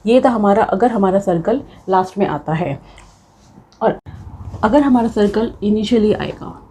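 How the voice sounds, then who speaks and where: A woman's voice: medium pitch, a little slow, dark tone, slight background noise. A young woman teaching a shorthand class, patiently explaining step by step and mixing in English terms. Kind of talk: classroom lecture.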